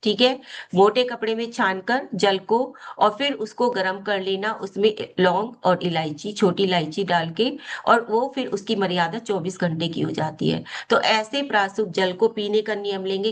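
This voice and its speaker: A woman teaching a spiritual healing course, explaining a devotional hymn step by step, often posing a question and then answering it herself. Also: medium pitch. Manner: explanatory, asks and answers her own questions; slow, deliberate chanting of mantra syllables.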